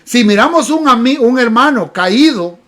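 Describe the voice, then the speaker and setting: Preacher guy, really high voice, emphatic, repeats himself a lot. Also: animated, moderate pace, a bit bright. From Honduras. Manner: storytelling, emphatic, repeats phrases. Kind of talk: sermon. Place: church sanctuary.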